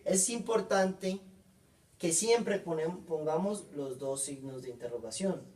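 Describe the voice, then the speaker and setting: A man, reading out a class presentation on punctuation and coherence, pausing often and correcting himself. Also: fairly high pitch, darkish tone, recorded from a distance. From Colombia. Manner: halting, frequent self-corrections.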